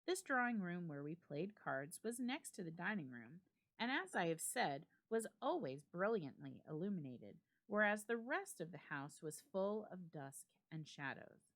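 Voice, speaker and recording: This is a female library employee performing a classic ghost story, her register a bit low and her intonation very lively. She phrases everything with care and expression, letting purposeful pauses sit.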